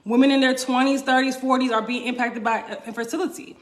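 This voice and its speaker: A woman wellness coach speaks to her online viewers in a high voice. She presses her points with repetition and keeps checking in with "right?" and "okay?". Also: fairly even intonation, fast talker. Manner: emphatic, repeats points, asks "right?" and "okay?". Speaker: wellness coach hosting a live stream. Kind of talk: casual live-stream talk to viewers.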